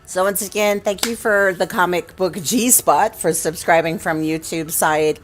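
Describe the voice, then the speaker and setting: A woman's voice: lowish voice, unhurried, faint music behind. A woman game streamer chatting casually on a livestream.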